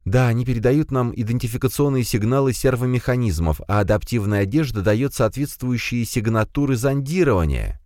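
A man reading a storybook, voicing a brisk, decisive woman. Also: mid-range voice, animated, darkish tone, no echo, studio quality, voice pushed up, lightly acted.

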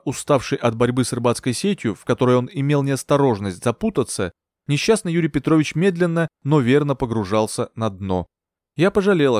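A man narrating a first-person audiobook in a steady, measured storytelling manner. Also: mid-range voice, no echo, clean studio sound. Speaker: audiobook reader.

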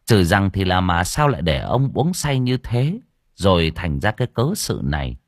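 A man narrating an audio story with expressive storytelling on a close mic. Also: low-pitched, normal speed, no room sound.

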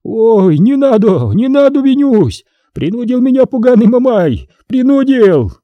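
A man voicing an old male merchant who is a cowardly prisoner, wailing and pleading in a high, strained voice. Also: very animated, normal speed, no echo, muffled recording, exaggerated voice.

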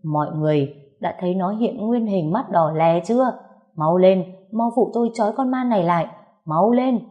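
A woman's voice: lowish voice, moderate pace, dull audio, natural voice. A woman narrator voicing a domineering middle-aged female shaman who barks orders. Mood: commanding.

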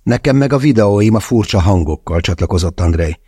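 A man's voice: lowish voice, animated, dark tone, breathy edge, no echo. A man reading a first-person novel aloud, wry and confessional, close to the mic. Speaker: audiobook narrator. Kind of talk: first-person audiobook narration.

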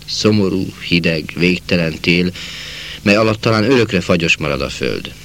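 Deep-voiced man reading a novel. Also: lively intonation, a little hiss or hum. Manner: measured, slowing for quiet passages. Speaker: audiobook narrator.

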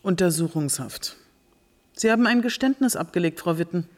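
A woman's voice: lowish voice, lively intonation, darkish tone. An actress playing an impulsive, curious woman journalist who asks pointed questions in a radio drama. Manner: impulsive, quick, probing questions.

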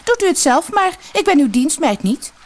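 A woman's voice: sits high, sing-song, moderate pace, pitched above the performer's own voice. A woman voicing a rude, spoiled older sister who snaps and sulks in a fairy tale. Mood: snappish. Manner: snappish, sulky.

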